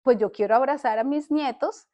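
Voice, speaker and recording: An older woman gives a heartfelt faith testimony on a podcast. Her voice sits high, and she speaks earnestly, stopping often to restart a word or a sentence. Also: mellow. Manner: earnest, halting, with many restarts. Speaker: podcast host.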